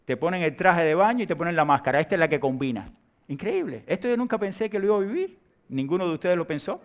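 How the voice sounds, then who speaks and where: Cuban preacher guy, kinda high voice, sermon in church, goes soft then loud. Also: very animated, fast talker. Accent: Cuban Spanish. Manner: emphatic preaching, swings from hushed to loud. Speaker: pastor. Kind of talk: sermon and closing prayer. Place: church sanctuary during a service.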